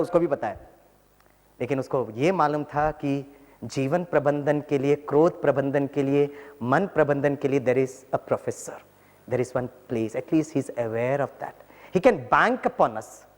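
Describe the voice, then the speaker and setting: Animated high-voiced man in an echoing hall. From Tamil Nadu, India. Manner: animated storytelling, mixing Hindi and English, acting out dialogue. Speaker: spiritual talk speaker, engineering professor. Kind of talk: motivational talk to an audience. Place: large hall before an audience. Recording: long hall reverb.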